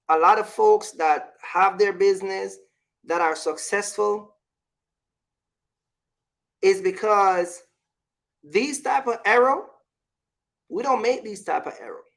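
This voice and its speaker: Creaky and fairly bright, this man's voice sits high. Hosting a casual vlog, he emphatically and repetitively shares business advice and personal anecdotes, frequently checking in with whoever is listening.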